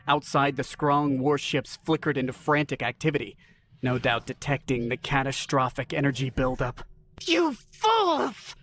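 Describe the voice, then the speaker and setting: A man narrating a scripted science-fiction story in an even, dramatic storytelling manner. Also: medium pitch, moderate pace, slight background noise.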